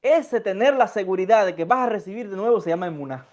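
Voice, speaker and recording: A man giving a Kabbalah lecture, talking in an animated way, acting out sighs and mock crying and repeating his phrases for emphasis. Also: sits high, fast. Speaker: Kabbalah teacher.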